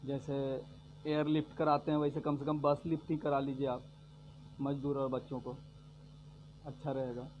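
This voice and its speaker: A man delivers a sarcastic political rant, hammering the same points over and over. His voice sits a little high, and he swings from loud jabs to low mutters. The recording is dull and lo-fi, with a faint hum underneath. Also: monotone, normal speed, long pauses. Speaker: vlogger giving political commentary.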